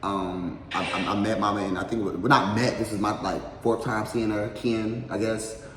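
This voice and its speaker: This eating-show host speaks with a fairly low, slightly bright voice, flat in delivery and at normal speed. His casual chat over food is candid, heavy on slang and full of swearing. The recording has long reverb from an echoey room plus faint noise.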